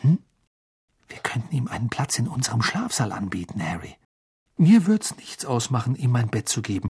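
A man doing an excitable teenage boy. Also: medium pitch, moderate pace, breathy edge, no echo, clean studio sound. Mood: scornful. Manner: breathless, excited exclamations. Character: excitable teenage boy, eager sports fan.

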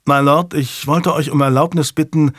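A man's voice: on the high side, fairly even intonation, moderate pace, no echo, clean studio sound, close to an everyday voice. A man voicing a curt, guarded young male servant in a storybook.

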